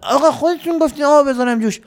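A man voicing a timid young male servant who speaks in a squeaky, fawning, hurried way. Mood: protesting.

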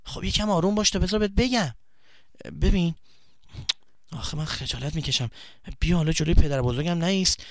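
A man's voice: fairly high pitch, long pauses, dry recording, studio quality, lightly acted. Man doing a storybook boy, shy, embarrassed, hesitant, stammering. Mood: sheepish. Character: shy, embarrassed young boy, soft-spoken.

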